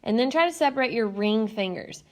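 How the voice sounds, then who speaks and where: A woman teacher narrating a recorded lesson in a patient, explanatory way, often pausing with "um". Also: fairly high pitch, lively intonation. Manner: patient, explanatory, frequent "um" fillers. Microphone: tablet screencast mic.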